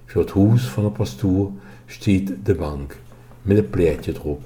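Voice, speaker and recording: A man reading a village story aloud in a slow, measured storytelling manner. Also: low voice, warm tone. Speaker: narrator.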